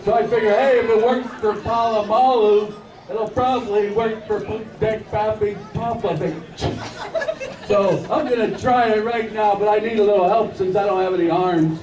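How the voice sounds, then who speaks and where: Boisterous old puppet comedian played by a man, high-pitched folksy joker, live in an echoey room. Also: steady tone, normal speed, a little mellow, lightly acted. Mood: rowdy, playful. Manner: folksy, wisecracking, silly exclamations. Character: bald, armless old football-fan puppet named Pappy, boisterous joker. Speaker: puppet stand-up entertainer. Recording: echoey noisy crowd hall, distant microphone.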